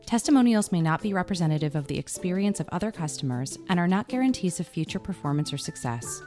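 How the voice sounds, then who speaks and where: A woman reading a scripted legal disclaimer in an even, measured way. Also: lowish voice, soft background music. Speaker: disclaimer announcer.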